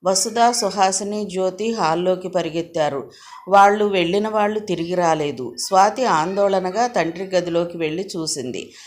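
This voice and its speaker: Woman narrating a novel, measured and expressive. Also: lowish voice. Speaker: audiobook narrator.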